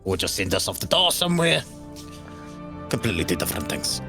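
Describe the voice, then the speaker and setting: A man's voice: on the low side, big pitch swings, fairly quick. A man improvising in-character conversation as a player in a tabletop role-playing game. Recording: clear music under the voice.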